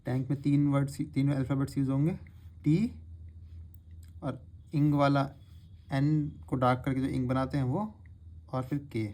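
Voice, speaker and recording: A man teaching shorthand step by step, slowly drawing out words to show their sounds. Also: mid-range voice, flat delivery, a little mellow. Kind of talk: step-by-step lesson.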